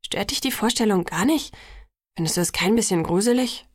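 A woman voicing a curious, teasing teenage boy in an audiobook, speaking low and quiet and often dropping to a whisper. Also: lively intonation, a little fast, dry recording, clean studio sound, lightly acted. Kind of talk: audiobook character voice.

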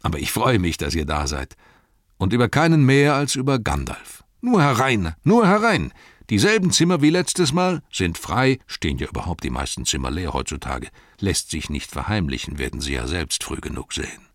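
A man voicing a bustling, excitable innkeeper who rattles on breathlessly and yells at his staff, in a storybook reading. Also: low-pitched, no echo, clean studio sound, exaggerated voice. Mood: blustering. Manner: rapid breathless torrent of words, shouting at staff.

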